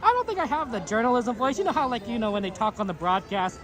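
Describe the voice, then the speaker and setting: A man's voice: very high voice, lively intonation, fast. A man hosting a casual live stream outdoors at a theme park, chatting in a rambling way with lots of fillers and restarts as he reads chat aloud. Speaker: livestream host. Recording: crowd noise around the speaker. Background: park crowd.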